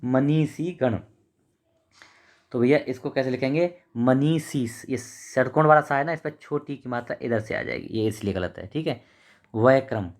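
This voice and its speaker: A man teaching an exam-prep lesson, reading each option aloud, correcting the spelling and trailing off quietly as he closes each answer. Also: medium pitch, moderate pace.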